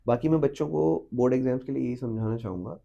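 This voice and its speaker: Man, teacher, earnest advice, very dark voice, dull audio. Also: mid-range voice, fast talker, creaky. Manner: earnest, mixes English phrases into Hindi, repeats "trust me". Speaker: teacher, podcast guest. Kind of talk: advice in a podcast interview.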